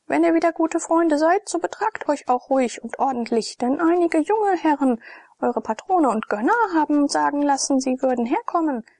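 Shrieking innkeeper's wife played by a woman, fierce old-time brawler, high shrill pitch, husky and gravelly, indignant storybook figure. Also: animated, moderate pace, a little mellow, no room sound. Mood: bossy.

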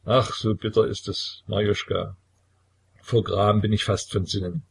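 A man's voice: lowish voice, level tone, a little slow, vocal fry, slightly rough, heavily acted. Man reading an anguished young tsarevich. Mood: despairing. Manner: mournful, sighing lament.

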